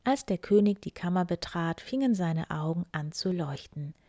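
A woman reading a fairy tale aloud in a slow, hushed, breathy voice. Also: fairly low pitch, animated, no echo. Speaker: storyteller. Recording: dry close recording.

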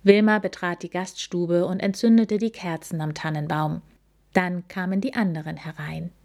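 A woman narrating a children's story in a gentle, even storytelling manner. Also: fairly low pitch, normal speed.

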